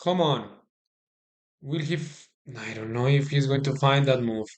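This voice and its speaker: A man giving informal live chess stream commentary, excitable and often repeating phrases for emphasis. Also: mid-range voice, a little slow.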